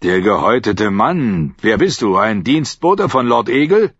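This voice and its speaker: A man's voice: on the low side, sing-song, measured pace, a bit bright, slightly rough, no echo, dull audio, full character voice. An audiobook reader voicing a grown male retainer who speaks in an earnest, suspicious way. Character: grown male retainer, wary then shaken.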